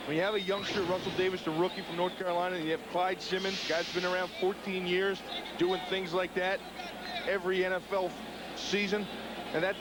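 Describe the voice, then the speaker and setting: An American man giving informal, explanatory football analysis as a broadcast color commentator. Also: high-pitched. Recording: noisy stadium broadcast, loud background din. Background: loud stadium noise.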